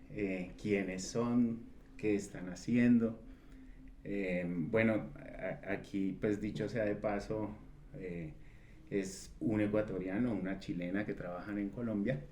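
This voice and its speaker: Guy pastor hosting a podcast, deepish voice, kinda halting, roomy echo. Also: mellow. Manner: hesitant, repeats words while searching. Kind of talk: podcast conversation. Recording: echoey room with faint noise.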